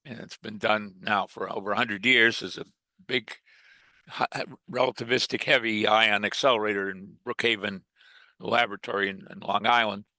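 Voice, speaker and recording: A man lecturing to a hobby group in a halting way, pausing on fillers and restarting his sentences. His voice is bright and a bit low, and the sound is dry and close. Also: fairly even intonation, no echo. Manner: hesitant, many fillers and restarts, clears throat. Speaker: technical presenter. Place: meeting room.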